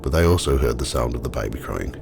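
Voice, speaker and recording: Very deep-voiced man narrating a ghost tour. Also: animated, fast talker. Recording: clearly noisy, ambient sound behind.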